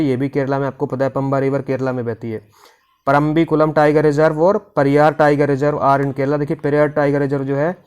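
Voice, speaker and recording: A man's voice: on the high side, a little mellow, smooth. Man teaching with a sore throat. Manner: repeats names and drills with memory tricks, "ठीक है". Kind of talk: exam-prep lesson over a map.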